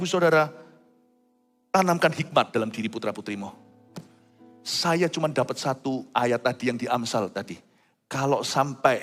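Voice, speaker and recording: A middle-aged man preaching a sermon, swinging between loud high exclamations and hushed low asides. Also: big-room sound. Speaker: pastor.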